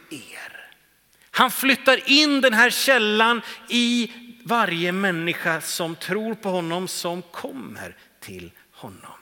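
A man preaching a sermon with rhetorical questions, his voice dipping soft and swelling again. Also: sits high. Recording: long hall reverb.

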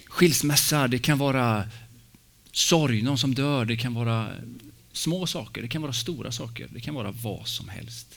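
A man's voice: medium pitch, fairly bright tone. A man, a pastor, preaching a personal, emotional sermon with many hesitations and fillers.

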